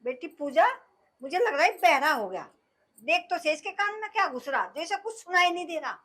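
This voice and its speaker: A woman's voice: extremely high pitch, expressive, fairly quick, a bit bright. A nagging village mother. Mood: scolding. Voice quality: nagging, calling out. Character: scolding village mother, mother-in-law, fussing. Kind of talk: rural comedy film acting.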